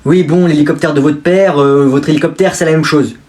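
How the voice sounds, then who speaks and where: A man's voice: fairly high pitch, fairly even intonation, a little fast, a little mellow, lightly acted. A man playing a stern, fussy judge who scolds in a pompous way. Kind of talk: comedy sketch acting.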